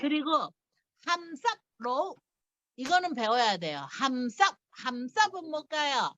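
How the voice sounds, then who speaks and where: A middle-aged woman leads a casual language lesson, walking through each point and laughing often. Her voice sits high and bright, and her pitch swings widely. The recording is close and dry. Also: sing-song, a little slow, no echo. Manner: chatty, laughs often, explains step by step. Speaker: language teacher.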